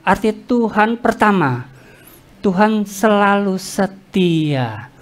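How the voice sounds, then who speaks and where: A woman pastor giving a lively church sermon in an Indonesian accent with East Javanese slang, joking with the congregation and acting out quoted voices. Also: mid-range voice. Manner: animated, jokey, addresses the congregation directly; acts out congregants' complaints and God's words in quoted voices.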